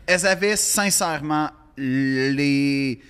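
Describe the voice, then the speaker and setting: A man's voice: on the high side, slow, fairly bright tone, clean tone, in a large hall. A man with a Quebec French accent, a podcast guest telling a long anecdote in a rambling way with many restarts. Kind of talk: casual storytelling.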